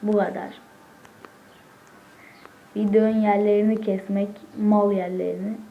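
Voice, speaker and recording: A woman talking viewers through a game in a casual, chatty way. She gets worked up quickly and swears when things go wrong. Her voice sits at a middling pitch over a faint hiss. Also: phone-quality sound. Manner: excitable, chatty, swears, flares up in frustration. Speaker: gaming channel host. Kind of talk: casual gameplay commentary. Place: home room, indoors.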